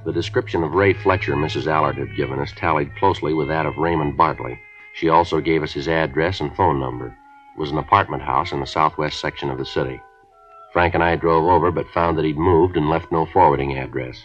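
An actor playing a terse police sergeant who narrates the case and questions witnesses in a clipped, matter-of-fact way. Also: male voice, very deep voice, steady tone, a little fast, soft background music. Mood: calm. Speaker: detective narrator. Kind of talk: 1950s radio drama narration. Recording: dull 1950s radio broadcast.

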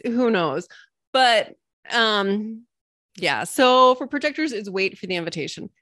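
Woman guest on a podcast, animated and playful, dry close mic, mid voice. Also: mid-range voice, no echo. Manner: animated, uses playful stories. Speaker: podcast guest, human design teacher. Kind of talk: explanatory podcast talk.

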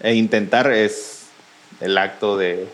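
A man's voice: lowish voice, fairly even intonation, takes it slowly, a bit bright, a little hiss or hum. A young man with a Mexican accent, chatting casually on a podcast and dryly explaining word meanings. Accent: Mexican Spanish. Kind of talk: casual banter.

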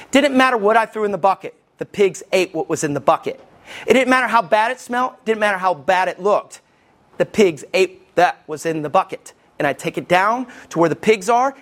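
A man, preaching a sermon as lead pastor from Alabama with folksy, animated storytelling. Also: high-pitched.

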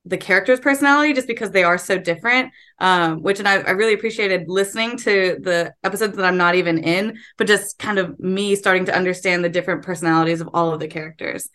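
A woman's voice: lowish voice, fast, few pauses, fairly bright tone. A young woman who is a guest voice actor on a podcast, chatting upbeat and friendly. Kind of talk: casual interview chat.

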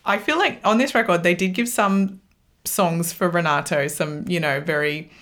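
A woman's voice: fairly low pitch, normal speed, fairly bright tone. A woman hosting a podcast, chatty and laughing often, with frequent "like" fillers. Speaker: podcast host. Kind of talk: podcast chat.

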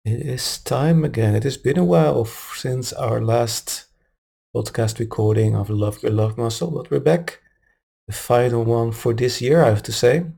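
A man hosting a meditation podcast, speaking casually and guiding listeners with calm, soothing instruction. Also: medium pitch, moderate pace, gravelly, slightly rough. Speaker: podcast host and meditation teacher.

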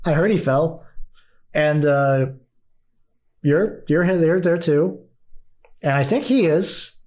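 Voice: mid-range voice, expressive, slow pace, darkish tone. A game master voicing a bored, boastful young male alien ambassador who rambles and chatters. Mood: rambling.

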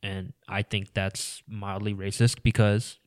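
A man's voice: on the low side, flat delivery, a little slow, no room sound, studio quality. A man talking as a guest on a casual podcast, rambling with many "you know"s and trailing into mumbles.

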